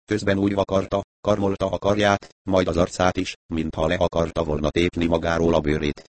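Deep-voiced male audiobook narrator. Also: level tone, a little hiss or hum. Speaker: audiobook reader. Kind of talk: scripted narration.

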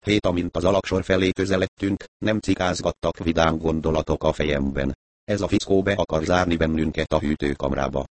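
A man narrating an audiobook in a wry, steady first-person telling. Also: low-pitched, no room sound.

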